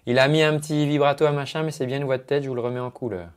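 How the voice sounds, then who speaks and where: A man's voice: mid-range voice, fairly even intonation, racing. A man working as a vocal coach, giving a chatty, explanatory spoken analysis of a singer's technique. He uses singing jargon and talks into his own microphone at a computer.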